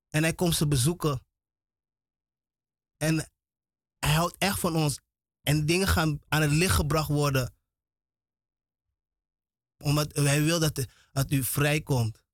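A man gives a radio sermon in a fairly high voice. He talks emphatically and repeats himself, stumbling and restarting words as he goes. The sound is dry and close, with no room around it. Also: no echo. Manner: emphatic, repetitive, with frequent restarts. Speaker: radio preacher.

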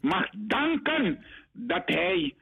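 A man's voice: high-pitched, sing-song, drawn-out words, creaky, pushed and bright, husky. A man, calling in by phone to a radio show and chatting in a jokey, sing-along way. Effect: phone-in caller heard over the radio. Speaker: radio call-in listener. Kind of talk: casual chat.

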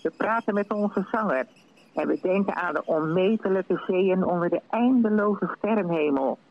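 A man's voice: high voice, normal speed, a little hiss or hum. A man voicing a cheerful, hearty father who welcomes everyone in, in a dull, dry radio recording. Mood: welcoming.

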